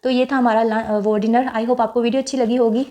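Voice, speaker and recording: Young woman vlogger, slightly high voice, casual chatty narration, reflective and wistful. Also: level tone, a little fast. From Pakistan. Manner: chatty, reflective, with frequent fillers; speaks softly and wistfully about her late mother.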